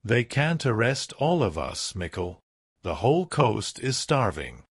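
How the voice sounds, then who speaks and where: A man's voice: on the low side, big pitch swings, a little slow, breathy edge, dry recording, studio quality, exaggerated voice. A man voicing a stern, determined middle-aged fisherman in a firm, clipped way. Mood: resolute.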